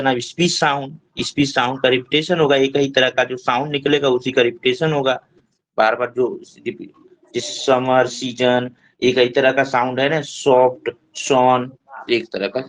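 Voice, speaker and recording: A man teaching an online English class in Hindi, explaining terms step by step and reading English lines slowly. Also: medium pitch, little pitch movement, poor audio. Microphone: online class mic.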